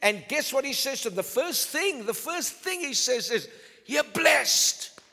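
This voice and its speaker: A male pastor preaching a sermon emphatically, swinging between loud declarations and low, intense tones. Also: big pitch swings, moderate pace. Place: church hall. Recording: long hall reverb.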